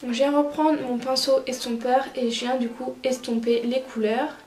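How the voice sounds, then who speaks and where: A woman narrating a makeup tutorial as a vlogger, chatty and relaxed with lots of filler words. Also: sits high, moderate pace. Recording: roomy echoey room, faint music.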